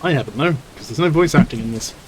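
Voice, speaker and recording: A man's voice: mid-range voice, expressive, fast, darkish tone, slight background noise, rough recording. A man hosting a let's play, making wry, sarcastic asides while reading through a game. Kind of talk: casual gameplay commentary.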